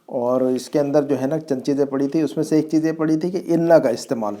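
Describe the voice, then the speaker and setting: A man's voice: fairly high pitch, steady tone, dark tone. A man teaching a grammar class at home, drilling his students with repeated questions and frequent checks that they follow. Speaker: Arabic teacher. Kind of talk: classroom lesson.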